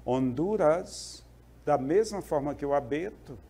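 A man's voice: on the high side, animated, measured pace, mellow, slight background noise. A male Spanish teacher explaining a lesson to students, often checking in with short questions. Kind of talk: classroom lesson.

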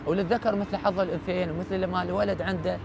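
High-pitched, creaky Iraqi man. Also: steady tone, racing. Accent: Iraqi Arabic. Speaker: religious cleric guest. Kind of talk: reflective interview talk. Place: outdoors at night in a city park. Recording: traffic and city noise behind.

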